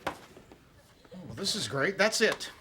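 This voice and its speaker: A man's voice: high-pitched, sing-song, measured pace, heavy background noise. A man playing an exasperated, wisecracking family man in a sitcom. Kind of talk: sitcom acting. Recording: studio sitcom with audience laughter.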